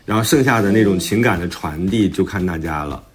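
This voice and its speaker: Husky and low-pitched, this man talks fairly quickly as an author and podcast host discussing his own book. The book talk is casual and reflective as he explains his thinking, and music plays behind the conversation.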